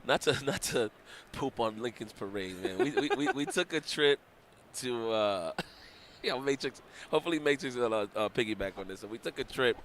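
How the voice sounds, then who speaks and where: Animated man commentating with slang. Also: medium pitch, normal speed, slight background noise. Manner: animated storytelling, laughing, slangy. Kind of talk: casual esports commentary.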